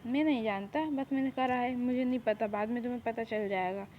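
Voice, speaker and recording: A woman's voice: fairly high pitch, a little fast, lightly acted. A woman voicing a harsh young male mafia boss who gives orders in a commanding, scolding way, in a fan audio drama. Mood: cold, bossy. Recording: tinny phone-like recording, faint hiss.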